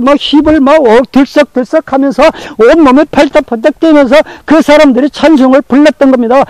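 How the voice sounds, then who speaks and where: A male pastor preaching a sermon, repeating phrases for emphasis and telling stories in a lively, colloquial way. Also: very high-pitched, no echo, rough recording. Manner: colloquial, animated storytelling with acted-out quotes.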